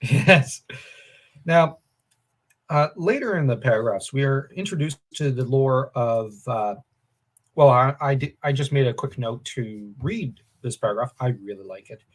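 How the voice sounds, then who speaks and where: A man's voice: mid-range voice, a little slow. A man co-hosting a casual book discussion podcast, enthusiastic and opinionated, thinking aloud with fillers. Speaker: podcast co-host.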